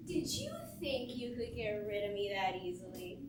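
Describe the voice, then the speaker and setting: A woman on stage playing a mocking inner voice of dark thoughts, heard from far off in an echoey theatre. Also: mid-range voice, animated, moderate pace, background noise, natural voice. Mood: taunting. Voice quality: mocking, sneering. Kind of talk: stage play acting.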